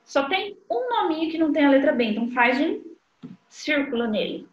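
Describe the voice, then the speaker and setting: A woman teacher, talking young children through a literacy worksheet in a slow, sing-song way. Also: high voice, very animated. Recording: dull, echoey room sound.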